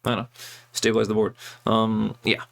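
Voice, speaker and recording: A man's voice: lowish voice, monotone, fairly quick, vocal fry, a bit bright. Guy doing a laid-back card review, rambly, fixes his own words a lot. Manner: chatty, self-correcting, joking asides. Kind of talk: casual card review commentary.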